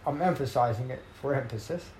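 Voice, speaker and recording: A man teaching meditation in a measured, emphatic way, reading a Buddhist text and explaining it to a group. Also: medium pitch, darkish tone, roomy sound, slight background noise, rough recording. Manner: measured, emphatic teaching with slowed key phrases. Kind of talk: dharma talk reading a sutta.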